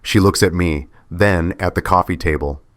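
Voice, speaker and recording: Very deep-voiced male narrator. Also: moderate pace, a bit bright, dry recording. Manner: tired, bitter and confrontational. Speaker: storyteller. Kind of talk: first-person scripted story narration.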